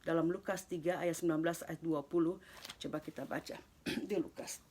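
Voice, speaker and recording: A woman with a lowish voice leads a Bible study. She reads the verses softly and slowly, often drifting into a breathy whisper, then explains them in a loose, chatty way. A faint hiss of noise sits under her voice. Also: fairly even intonation. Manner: explains in a loose, talkative way with many fillers. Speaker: Bible teacher.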